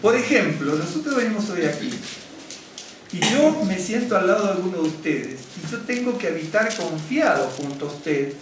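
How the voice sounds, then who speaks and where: In a synagogue hall, a rabbi teaches through a conversational, digressive sermon, addressing the congregation head-on, growing excited and often checking "¿no es cierto?" His somewhat high-pitched voice echoes heavily around the room at a moderate pace. The distant recording carries faint room ambience and background noise.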